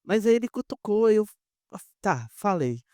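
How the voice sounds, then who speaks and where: A man's voice: sits high, normal speed, dry recording, clean studio sound. A man with a Brazilian accent preaching a conversational sermon, speaking straight to the congregation and acting out the people in his stories. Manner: animated storyteller, addresses the congregation directly; acts out quoted dialogue. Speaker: pastor.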